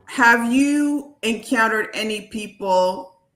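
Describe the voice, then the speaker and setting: A woman's voice: on the high side, slow pace, a bit bright. A woman from Haiti hosting a live video chat as a wealth coach, talking in an upbeat, emphatic way.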